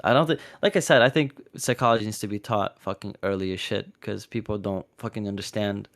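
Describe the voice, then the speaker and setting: A man's voice: fairly low pitch, brisk, fairly bright tone, dry recording, clean studio sound. A young man on a podcast, telling rambling stories in casual, profane chat. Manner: rambling storyteller, swears freely, many fillers. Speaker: podcast co-host.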